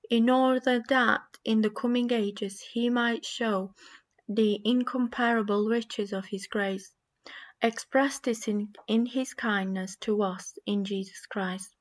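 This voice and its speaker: A woman from Romania with a Romanian accent, reading scripture and giving a sermon in a measured, reflective way. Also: medium pitch. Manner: measured, reflective delivery with small restarts. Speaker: preacher.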